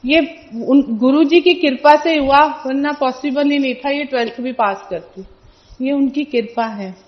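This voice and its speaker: A middle-aged woman shares a personal testimony at a satsang, retelling family events in an animated storytelling way. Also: high voice, a little slow, dull audio. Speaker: devotee sharing testimony.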